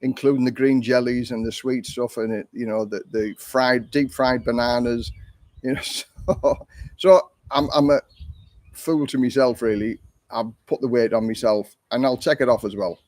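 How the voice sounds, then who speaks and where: Chatting through viewer questions on his livestream, an older man from England meanders along with frequent ums and false starts. He calls his mid-range voice monotone; he speaks at a moderate pace, and there's no echo.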